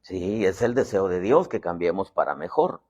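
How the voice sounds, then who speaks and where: A man's voice: low-pitched, expressive, moderate pace, darkish tone, dull audio. A middle-aged man preaching a sermon in a folksy way, joking and having the congregation repeat phrases. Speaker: apostle preaching.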